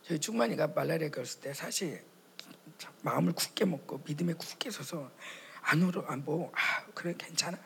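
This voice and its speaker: A woman's voice: deep voice, brisk, gravelly, slight background noise. A middle-aged woman, a pastor's wife, preaching at a women's gathering and acting out her own prayers and conversations. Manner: animated, acts out her own prayers and dialogues.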